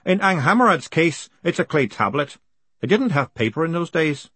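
A man voicing a brisk young woman with dry wit, explaining patiently. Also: on the high side, very animated, fairly bright tone, slightly rough, no room sound, pitched above the performer's own voice, heavily acted.

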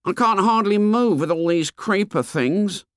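A man's voice: high voice, measured pace, a bit bright, smooth, no echo, clean studio sound, pitched above the performer's own voice. A man voicing a fat, anxious schoolboy with asthma who chatters eagerly in ungrammatical speech. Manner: eager, working-class boy's grammar.

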